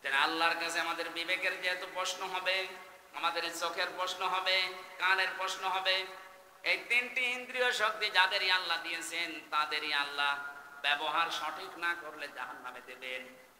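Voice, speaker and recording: A man preaching a Bengali waz sermon, swinging from low intoning to loud shouted exhortation and chanting Arabic verses. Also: steady tone, moderate pace, roomy sound, long reverb tail, slight background noise. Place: large outdoor gathering.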